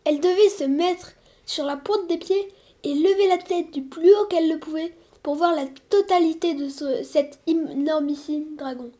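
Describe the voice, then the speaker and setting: A woman reads a children's fairy tale aloud with lively, expressive storytelling. Her voice is high yet warm and mellow. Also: moderate pace. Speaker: narrator. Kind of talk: storybook reading.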